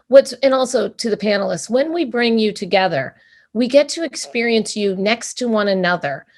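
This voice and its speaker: A woman co-hosting a panel on a video call, giving enthusiastic, effusive closing remarks. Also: on the high side. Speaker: co-host of a panel.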